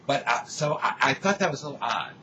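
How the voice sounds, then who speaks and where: An older man telling a rambling story in casual chat, animated when he acts out what people said. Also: mid-range voice, fast, highs cut off, a little hiss or hum.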